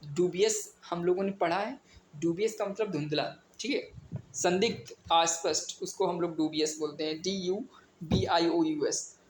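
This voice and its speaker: A man's voice: high voice, measured pace. A man teaching an exam vocabulary lesson, spelling words out letter by letter and mixing in English definitions. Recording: echoey room with faint ambient noise.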